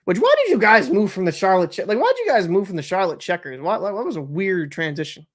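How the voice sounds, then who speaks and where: Young male streamer, slightly high voice, casual rambling chat and play-by-play. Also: big pitch swings, quick pace, a bit bright. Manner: chatty, joking, answers live chat, loose and rambling. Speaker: livestream host. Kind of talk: casual watch-party chat and commentary.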